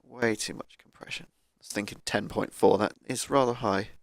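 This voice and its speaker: Croaky laid-back man. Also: on the low side, steady tone, moderate pace, no room sound, studio quality. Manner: thinking aloud, laid-back, with fillers. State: croaky voice from a cold. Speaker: gaming YouTuber. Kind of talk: casual gameplay commentary. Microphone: cheap microphone.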